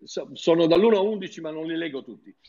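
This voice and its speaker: A man's voice: on the high side, quick pace, dark tone. A man preaching in an informal, fervent teaching style, talking to his listeners like friends and often restarting his sentences. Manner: fervent, chatty, with frequent restarts. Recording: dull lo-fi sound.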